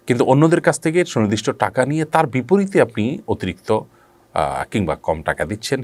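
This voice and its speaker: A man with a lowish voice that rises and falls freely answers viewers' religious questions. He explains in a measured way, often pausing and drawing out his words. The recording is close and dry. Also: no room sound. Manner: measured, explanatory, frequent drawn-out pauses. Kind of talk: religious Q&A talk.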